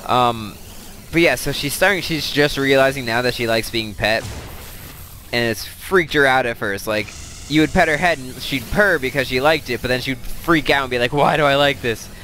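A man's voice: mid-range voice, normal speed, sharp tone, a little hiss or hum. A man hosting a let's play, chatting casually and thinking aloud as he plays, drifting into side stories. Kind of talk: casual gameplay commentary.

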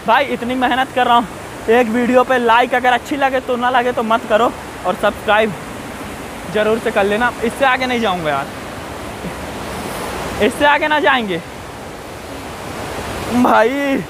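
Very high-voiced chatty male vlogger. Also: noisy background. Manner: chatty, keeps addressing viewers, repeats safety warnings. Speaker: travel vlogger. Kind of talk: casual walking vlog. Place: outdoors on rocky hillside by a waterfall. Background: faint rushing waterfall.

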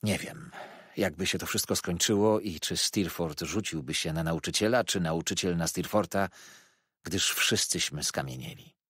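A man reading a classic novel aloud as an audiobook narrator, with expressive, dramatic storytelling. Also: low voice, moderate pace, breathy edge, dry recording, studio quality.

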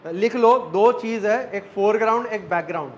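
A man teaches an acting class, quizzing his students and cracking jokes. His voice sits notably high for a man. A faint background hiss runs under the classroom recording. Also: normal speed, low-quality recording. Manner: coaching, quizzing students, joking. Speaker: acting coach.

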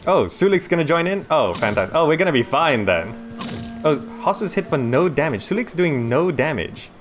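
Malaysian accent guy doing let's play commentary, chatty, laughs a lot, reads the game text out. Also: a little high. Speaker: gaming channel host.

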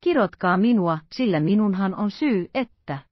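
An anxious, loyal young French manservant, read by a woman, pleading slowly and earnestly in an audiobook. The voice sits at a middling pitch, and the sound is dull and dry, with no room around it. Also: lively intonation, dry recording, lightly acted. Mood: remorseful. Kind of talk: audiobook character voice.

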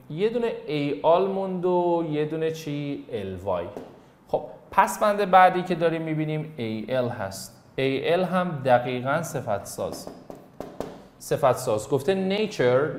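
A male teacher works through a lesson, coaxing and quizzing students by name as he goes. His voice sits at an ordinary middle pitch. The sound carries a roomy echo. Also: slight background noise. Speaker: English teacher. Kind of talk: classroom English lesson in Persian.

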